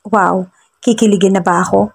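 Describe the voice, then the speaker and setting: A woman's voice: mid-range voice, steady tone, moderate pace, gravelly, darkish tone, slight background noise. A woman narrating a first-person romance story, reading it plainly and mixing in English lines.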